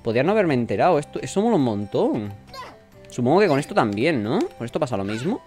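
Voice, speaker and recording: A young man with an accent from Spain talks through his gameplay in a casual, animated way, his pitch jumping around freely. He swears a lot and reads game dialogue out loud in jokey voices. Faint game music plays under him. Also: quick pace. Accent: Spain Spanish. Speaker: let's play gamer.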